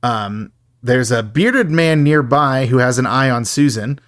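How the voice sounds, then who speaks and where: A man's voice: medium pitch, expressive, measured pace, a bit bright, no echo, clean studio sound. A man co-hosting a podcast, recapping a film in a chatty, joking way and laughing often. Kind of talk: casual chat.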